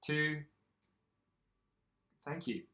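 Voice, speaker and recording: A man's voice: a little high, drawn-out words, sharp tone, roomy sound, voice pushed up, full character voice, rough recording. A man doing a haughty silver-haired minister. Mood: indignant. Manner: dismissive, indignant, projecting voice.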